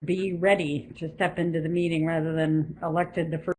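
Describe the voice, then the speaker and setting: Measured speaker in an online board meeting. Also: medium pitch, little pitch movement, darkish tone, poor audio. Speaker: conference board member. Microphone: video call.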